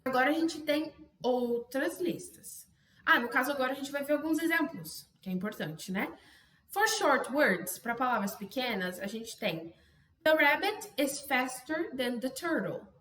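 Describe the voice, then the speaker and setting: A Brazilian woman teaching an English grammar lesson, chatty and casual, often adding quick tag questions. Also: high voice, animated, fairly bright tone, echoey room. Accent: Brazilian Portuguese. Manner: chatty, self-interrupting, frequent "né?" tags. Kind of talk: online language lesson.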